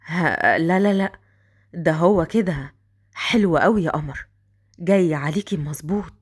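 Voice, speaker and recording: A woman with an Egyptian accent voicing a smitten older rich man who coaxes in slow, drawn-out lines. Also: on the low side, husky, pitched below the performer's own voice. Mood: coaxing. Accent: Egyptian Arabic.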